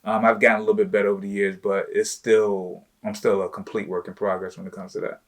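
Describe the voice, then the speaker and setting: A man with a fairly low voice hosts a relaxed conversation. He talks loosely and informally, with plenty of "you know" and "like" fillers, in an easygoing chat style. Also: fast talker. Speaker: host, entrepreneur. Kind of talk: casual chat with his wife.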